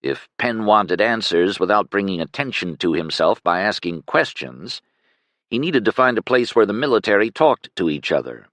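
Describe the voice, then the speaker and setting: A man narrating a fantasy audiobook in an expressive storytelling manner. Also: moderate pace, no echo. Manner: expressive storytelling with lively pitch swings.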